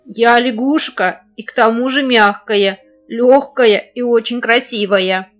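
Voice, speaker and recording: A woman voicing a proud, soft female toy frog in a storybook reading, speaking slowly and loudly as if offended, on a dull lo-fi recording with faint guitar. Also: fairly high pitch, fairly even intonation. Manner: slow, loud and offended.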